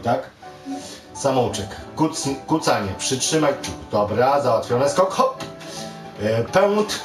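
A father reads a video game's story aloud to his son, stumbling and correcting himself, then coaches him through the controls. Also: medium pitch. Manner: reads aloud with stumbles and self-corrections, animated on quoted lines. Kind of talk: reading game story aloud and coaching gameplay. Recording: roomy, distant mic, game music behind. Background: video game music.

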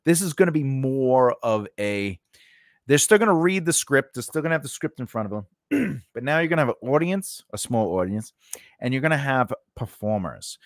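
A man in his forties hosts a scriptwriting lesson to camera in a mid-pitched voice with big pitch swings, recorded close on a stand-mounted studio microphone in a small indoor space with no room sound. His informal teaching is halting and conversational, and he often rephrases his points.

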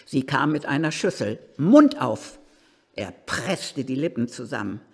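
A man giving a live first-person literary reading, slow and expressive with excited outbursts, in an old gatehouse. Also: mid-range voice, creaky, slightly rough. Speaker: reader. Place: old gatehouse at a historic cemetery. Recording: reverberant hall.

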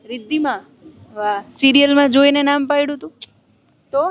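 A woman's voice: sits high, moderate pace. A woman reporter interviewing schoolgirls on location outside a school, asking playful, teasing questions.

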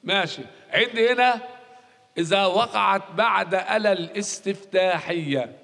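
A male university lecturer with a Palestinian Arabic accent teaches grammar in a recorded classroom lecture, repeating key rules and quizzing his students. His voice sits high with a fairly bright tone, and the recording has a long reverb tail.

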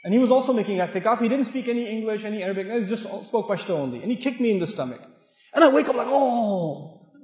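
Man, middle-aged, from Pakistan, Islamic lecturer, high voice, lively joking storytelling, big hall with long echo. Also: very fast. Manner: animated, humorous, acts out voices. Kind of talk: sermon-style talk with storytelling. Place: large mosque hall. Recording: echoey hall with long reverb.

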